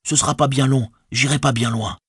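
A man's voice: medium pitch, fairly even intonation, fairly quick, fairly bright tone, breathy edge, dry recording, clean studio sound, voice pushed up. A man voicing a loyal, humble young hobbit servant in an audiobook, speaking in a folksy, deferential way in a raised voice. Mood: determined. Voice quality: folksy colloquial speech, deferential. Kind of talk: audiobook character voice.

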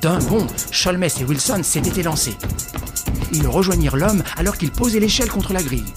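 A man reading a novel aloud as an audiobook narrator, with a dramatic, expressive delivery. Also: a little high, moderate pace, over music. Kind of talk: scripted narration.

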